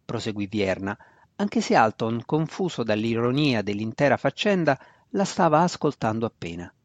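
A man's voice: mid-range voice, big pitch swings, normal speed, dry recording. A man narrating a fantasy novel as a reader. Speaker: audiobook narrator. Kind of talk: scripted narration. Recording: dry, dull lo-fi recording.

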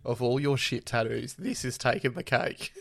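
A man's voice: medium pitch, normal speed, gravelly, no room sound. A man co-hosting a podcast, making wry, sarcastic asides in casual chat about a reality show. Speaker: podcast co-host.

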